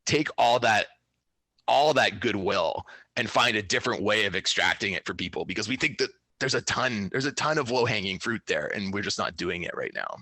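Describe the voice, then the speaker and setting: Startup founder guest, man in his thirties, lowish bright voice, rambling casual delivery, dry close sound. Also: lively intonation, brisk, no echo. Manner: thoughtful, loose, many fillers and restarts. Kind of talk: casual interview talk.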